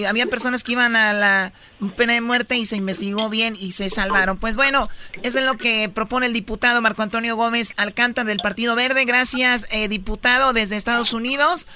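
Man, radio host, talk show, conversational, leads discussion, very bright tone. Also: high-pitched. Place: United States.

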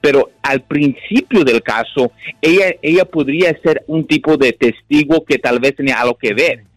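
A man in a casual podcast chat, explaining a point with halting restarts. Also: fairly high pitch, no echo.

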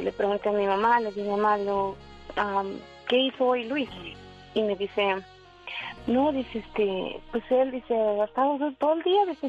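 A woman in her forties calls in over a dull phone line and tells a long personal story, voicing the lines of the people in it. Her voice sits a little high, and faint music plays behind her. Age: 40s. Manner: rambling storytelling, quoting dialogue. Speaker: caller. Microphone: telephone.

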